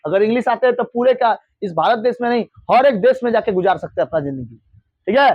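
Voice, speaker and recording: A man's voice: sits high, lively intonation, fast talker, no echo, lo-fi sound. A male teacher giving a classroom lecture, repeating points and firing questions at his students. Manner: repetitive, drilling questions, mimics regional speech. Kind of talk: classroom lecture with call-and-response.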